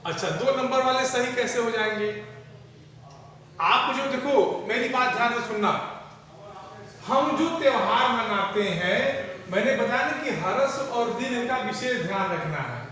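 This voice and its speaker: A man's voice: extremely high pitch, animated, a little slow, bright, forceful tone. A male school teacher, teaching an online class patiently and repeating questions to his pupils. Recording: echoey room, voice far from mic.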